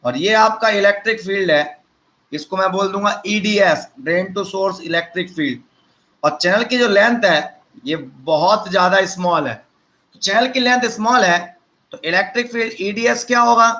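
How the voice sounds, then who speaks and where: A man's voice: sits high, moderate pace, pushed and bright, low-quality recording. A man, teaching a live online lecture and mixing chatty, teasing asides to his students into the explanation.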